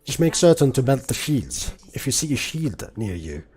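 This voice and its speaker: Male streamer, shot-caller, very lively intonation, talks teammates through tactics. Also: mid-range voice, moderate pace. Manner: directive, explaining strategy to teammates. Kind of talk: live gameplay commentary and team callouts.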